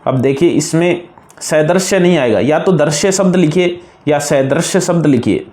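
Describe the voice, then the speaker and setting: A man's voice: a little high, normal speed, a little mellow, echoey room. A man teaching a grammar lesson, patiently explaining spelling rules and repeating each wrong and right form. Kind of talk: classroom-style grammar lesson.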